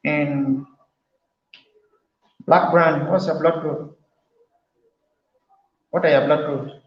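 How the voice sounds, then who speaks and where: Hosting an online health forum's relaxed group call, this man from Cameroon talks very slowly in Cameroonian-accented English, his voice on the high side and his intonation fairly even. He keeps asking guests questions and tends to say things twice. The sound is lo-fi and reverberant.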